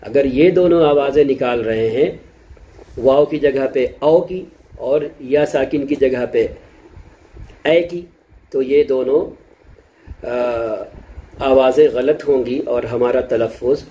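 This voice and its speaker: Male tutor, mellow voice, patient, repeats points and drills syllables aloud. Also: mid-range voice, long pauses, rough recording. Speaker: Quran recitation teacher. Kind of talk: explanatory lesson. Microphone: close mic, shows lip shapes to camera.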